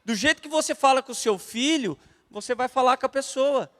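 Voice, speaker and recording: A man's voice: very high-pitched, a little fast, in a large hall. A Brazilian man teaching an evangelism class at church, telling stories and speaking straight to the class. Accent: Brazilian Portuguese. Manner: lively storytelling that addresses the class directly. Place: church hall.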